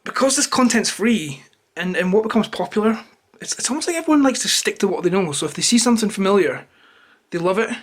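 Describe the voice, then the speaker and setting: A Scottish man talks straight to camera in a notably high voice for a male speaker. He rambles through an unplanned, opinionated rant, sounding irritated and swearing freely as he goes. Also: animated, fast. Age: adult, parent of a toddler. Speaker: YouTuber. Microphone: camera held or placed close to him.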